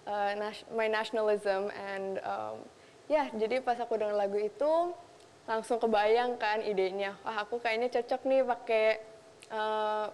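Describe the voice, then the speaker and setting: A woman's voice: medium pitch, fairly even intonation, measured pace, a little mellow, big-room sound. A young Indonesian woman, a makeup artist, chatting casually in a talk show interview and mixing in English phrases. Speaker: makeup artist and content creator.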